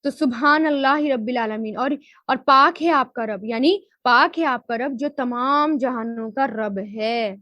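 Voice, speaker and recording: A woman teaching Quran grammar and tafseer. She asks questions and answers them herself, and slows down to spell out Arabic word forms. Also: fairly high pitch, no echo, dull audio.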